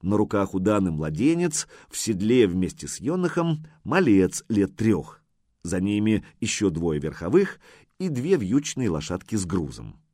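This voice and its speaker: A man narrating an audiobook in an expressive storytelling manner. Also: on the low side, normal speed, dry recording, clean studio sound. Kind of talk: scripted narration.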